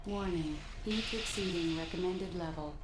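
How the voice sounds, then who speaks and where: A woman's voice: lowish voice, moderate pace. A woman voicing a female mech computer that gives clipped, machine-like warnings that the machine is overheating, as an onboard announcement in a game. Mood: urgent warning. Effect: flat onboard computer announcement from the game. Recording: echoey game audio over loud battle noise.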